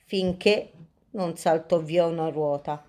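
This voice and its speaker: A woman hosting and reading a children's story aloud in a lively, playful, sing-song way. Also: deep voice, takes it slowly. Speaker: storyteller host.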